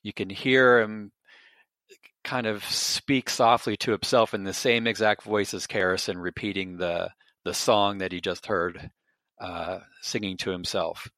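Low-voiced man narrating a tabletop game. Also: fairly even intonation, fairly bright tone, no room sound. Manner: halting, many fillers and restarts. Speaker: player.

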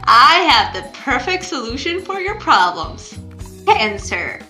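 A woman on a tabletop game podcast reading a mock charity announcement with deadpan dark humor. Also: high voice, echoey room. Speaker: podcast player.

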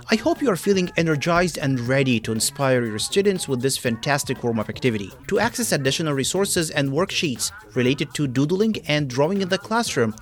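A man hosting an education podcast, reading scripted introductions and an upbeat outro. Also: a little high. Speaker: podcast host.

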